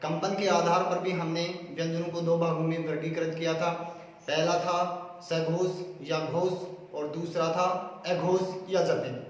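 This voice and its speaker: High-voiced man teaching in an echoey hall. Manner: methodical, repeats terms and demonstrates sounds aloud. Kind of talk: classroom grammar lesson. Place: classroom. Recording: echoey hall, recorded from far off.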